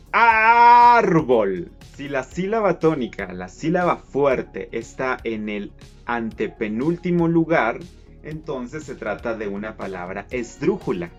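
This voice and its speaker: A man's voice: medium pitch, animated, a little slow, lo-fi sound, faint music behind. A man teaching casually, stretching words out syllable by syllable to show how they sound. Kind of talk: casual explainer lesson.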